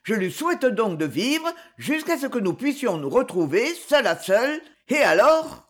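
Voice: medium pitch, big pitch swings, normal speed, slightly rough. A reader voicing a hapless, indignant male squire in an audiobook, protesting and wailing. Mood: grumbling. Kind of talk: audiobook character voice.

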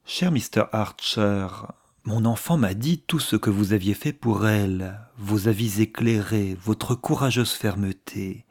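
A man reading a novel aloud, voicing an effusive, gossiping older aristocratic woman with theatrical, hushed asides. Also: on the low side, unhurried. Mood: gushing.

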